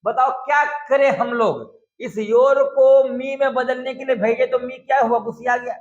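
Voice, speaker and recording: A man's voice: very high voice, steady tone, normal speed. A man teaching an English grammar lesson in a coaxing, questioning classroom manner. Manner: coaxing, keeps asking students questions. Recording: echoey, dull lo-fi room sound.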